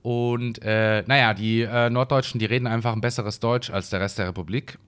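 A man from Hesse talks casually over his gameplay, rambling along with plenty of fillers and restarts. His voice sits at an ordinary middle pitch, recorded close on a desk microphone. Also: fairly even intonation, normal speed, a bit bright, smooth. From Hesse, Germany. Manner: chatty, rambling, many fillers. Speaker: let's play host.

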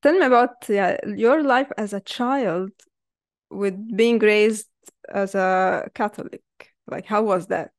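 A woman's voice: medium pitch, slow pace, no room sound, studio quality. A woman hosting a podcast from her living room, asking curious follow-up questions into a stand microphone. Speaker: podcast host. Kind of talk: conversational interview. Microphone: studio microphone on stand.

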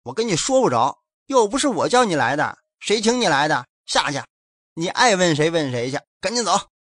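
A man's voice: high voice, wildly swooping pitch, quick pace, pushed and bright, slightly rough, no echo, clean studio sound, voice pushed up, heavily acted. A man voicing a brazen, bullying squatter who talks brusquely and dismissively.

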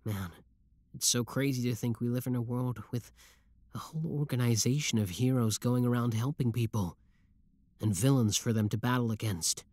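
A man with a medium-pitched, slightly dark voice speaks at a moderate pace in a dry recording that sounds close to everyday speech. He portrays a bashful schoolboy who becomes a smug, obsessive yandere villain, speaking intimately to the listener in an audio drama, shy and unsure.

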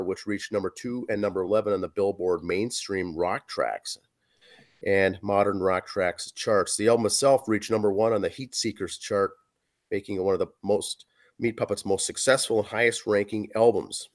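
This hoarse male co-host in his forties sounds a little mellow and on the low side, reading album facts and track lists from notes with fillers during a casual podcast. He's in a small room at home, connected by a video call webcam.

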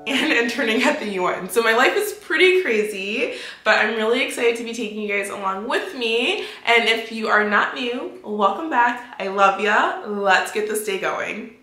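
A woman's voice: on the high side, animated, normal speed, pushed and bright, soft background music. A woman in her twenties vlogging to a handheld phone camera, chatty and upbeat, laughing often. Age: 20s. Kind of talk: casual vlog talk to camera. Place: on the move around the city, partly outdoors.

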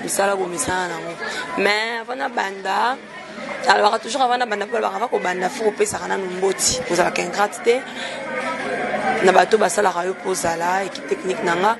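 A woman hosts a casual talk show with a gravelly, rough-edged voice. She rattles off lively greetings and shout-outs to fans and friends. The recording is noisy, with steady background ambience. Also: medium pitch, fairly quick, crowd noise. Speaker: TV show host.

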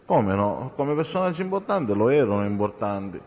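A man's voice: on the low side, very animated, fairly quick, darkish tone. A man testifying in a courtroom, giving short, terse answers under questioning. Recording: echoey courtroom with long reverb.

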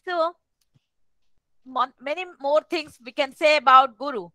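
A woman's voice: high voice, unhurried, pushed and bright, no echo. A middle-aged woman with an Odia Indian accent, hosting a webinar in a formal address over a headset. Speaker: webinar host. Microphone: headset on video call.

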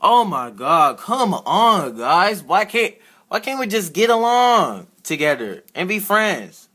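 A man with a husky voice play-acts cartoon-style characters in a halting, excitable way, stumbling and repeating words. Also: sits high. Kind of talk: improvised character play-acting for a fan video.

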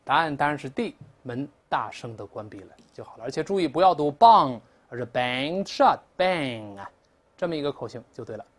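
Animated Mandarin-speaking woman teacher. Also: extremely low pitch, fast, hardly any pauses, slightly rough. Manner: animated, drills pronunciation aloud with repetition; explains in Mandarin with English examples. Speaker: English teacher. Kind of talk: classroom vocabulary lesson.

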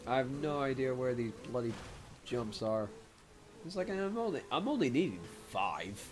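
A man with a hoarse throat, rambling casually through gameplay commentary with lots of fillers. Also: mid-range voice, sing-song, moderate pace. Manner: rambling, many fillers and self-mocking laughs. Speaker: game streamer. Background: game music.

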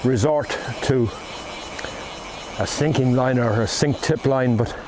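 Speaking slowly in a medium-pitched voice, an older man with an Irish accent gives a casual outdoor talk on fly fishing beside a river. He explains in a relaxed manner, with ums and side remarks. The camera sits on the bank at a distance, and the river and wind can be heard.

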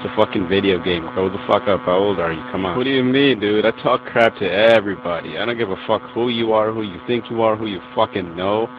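A man's voice: on the low side, quick pace, few pauses. A young man ranting at another gamer in voice chat, aggressive, profane and taunting. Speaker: online gamer. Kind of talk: voice-chat rant. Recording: muffled noisy game voice message.

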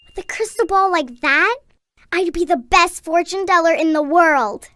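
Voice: extremely high pitch, unhurried, pushed and bright, slight background noise, exaggerated voice. An actor playing a boastful, theatrical fortune teller in a children's cartoon, with a mystical delivery. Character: excitable fortune teller with a crystal ball, bragging and theatrical.

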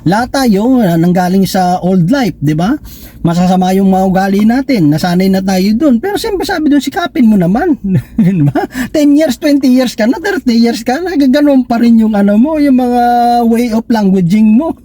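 A man's voice: very high-pitched, animated, normal speed, mellow, dry recording. A Filipino preacher giving a casual, conversational sermon that mixes in English, often asking his listeners "right?" and joking with them. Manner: conversational, asks "di ba?" and "no?" often, jokes.

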